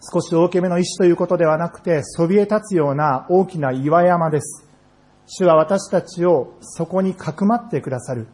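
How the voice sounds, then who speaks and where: A man preaching a sermon in a church, earnest and measured, slowing down on key phrases. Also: fairly high pitch, darkish tone. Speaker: pastor. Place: church sanctuary.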